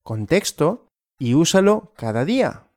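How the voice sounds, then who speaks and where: A man's voice: a little high, sing-song, a little slow, a little mellow, no room sound, studio quality. A man voicing a polite talking dog.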